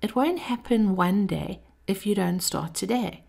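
A woman podcast host giving a scripted motivational monologue in an intimate, measured way, her breathy voice often dropping toward a whisper. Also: medium pitch, a little mellow.

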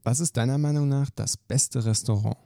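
A man hosting a podcast, firing off quick questions in a lively, brisk way. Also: medium pitch, vocal fry, dry recording, studio quality. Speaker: podcast host. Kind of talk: quick-fire question interview.

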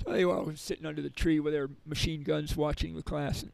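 A man's voice: fairly high pitch, flat delivery, brisk, gravelly, darkish tone, no room sound, rough recording. A middle-aged man who teaches yoga and meditation in prisons, telling stories in a rambling way with many restarts. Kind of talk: conversational storytelling interview.

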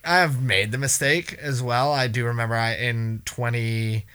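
A man with a bright, forward tone chats casually as a podcast co-host. He rambles, fills his sentences with "like", and swears now and then. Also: medium pitch, fairly even intonation, a little slow, clean tone. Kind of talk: casual chat.

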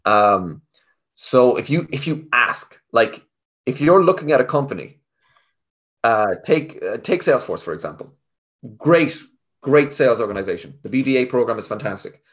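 A man's voice: medium pitch, sing-song, normal speed, a bit bright, highs cut off. A man with a west of Ireland accent telling his story casually and chattily, often acting out bits of conversation in his own voice. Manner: chatty, self-quoting, informal. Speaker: interview guest, tech sales team lead.

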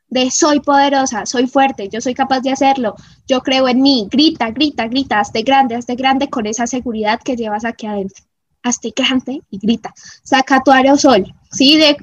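High-voiced woman giving pep talk. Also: no echo, dull audio. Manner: emphatic, checks in with frequent "¿sí?" and "¿mm?". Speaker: motivational speaker. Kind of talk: motivational talk to viewers.

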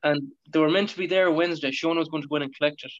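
Over a dull, low-fidelity online call comes an Irish man with a fairly high voice for a male. He talks in loose, colloquial banter and swears freely, like a co-host chatting with friends. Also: fairly even intonation, racing. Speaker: podcast co-host.

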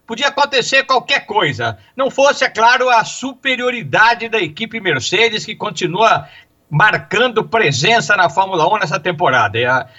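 A Brazilian man giving unscripted motorsport analysis, thinking aloud in a halting way, on a slightly lo-fi broadcast. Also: high-pitched, expressive, pushed and bright. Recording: dull, lo-fi broadcast sound.

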